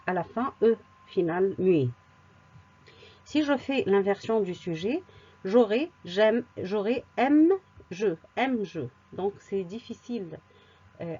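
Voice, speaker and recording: Mellow-voiced woman teaching grammar. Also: medium pitch, slightly rough, dull audio. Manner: slow and deliberate, repeats words, hesitant fillers. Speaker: French teacher. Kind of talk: grammar lesson explaining rules with examples.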